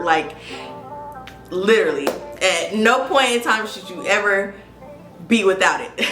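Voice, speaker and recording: A young woman, telling a storytime to her viewers in a lively, profane, chatty way. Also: mid-range voice. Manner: animated, profane, talks straight to viewers. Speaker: vlogger. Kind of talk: casual storytime. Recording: echoey room with music behind.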